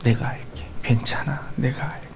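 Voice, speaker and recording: A male pastor voicing God, speaking softly and reassuringly to believers. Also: medium pitch, fairly even intonation, moderate pace, gravelly, background noise, pitched below the performer's own voice, lightly acted. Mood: gentle, hushed. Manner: soft, hushed, reassuring.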